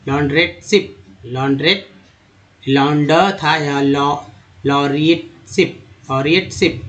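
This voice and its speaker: A man teaching a slide-based language lesson as a voice-over, slowly spelling words out letter by letter and calling his viewers friends. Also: fairly high pitch, a bit bright. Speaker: English teacher.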